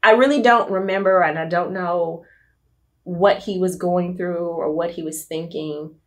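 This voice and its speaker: A young woman from Nashville, USA, tells her personal story as a podcast guest, candid and reflective, with lots of fillers like "um" and "right?". Her voice sits fairly low, her intonation stays fairly even, and she takes her time.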